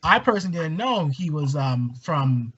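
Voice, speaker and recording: A man from Maryland in a casual podcast chat, talking in a rambling, animated way with lots of fillers. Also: fairly high pitch, normal speed, slightly rough. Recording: dull lo-fi sound with faint hiss.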